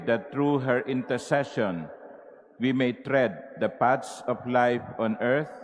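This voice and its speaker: A man, a priest speaking at a pulpit microphone and leading Mass prayers in a slow, measured, solemn way. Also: mid-range voice. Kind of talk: liturgical prayers and greeting. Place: large cathedral. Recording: long cathedral reverb through the church sound system.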